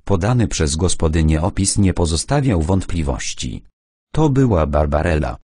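A man narrating an adventure audiobook in the first person with steady storytelling. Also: sits low, moderate pace, no echo, clean studio sound.

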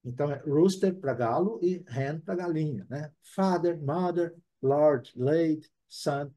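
A man's voice: fairly high pitch, slow, dark tone. Chatty Brazilian man teaching a class. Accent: Brazilian Portuguese. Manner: chatty, often adds tag questions. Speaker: English teacher. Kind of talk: live online language class.

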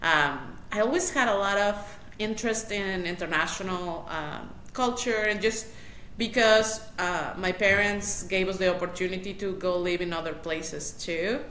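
This bright-sounding woman sits on the low side and keeps a measured pace. Middle-aged and from Mexico City, she's a matchmaker giving a relaxed interview over video call from a small indoor room, where the sound comes through roomy and noisy.

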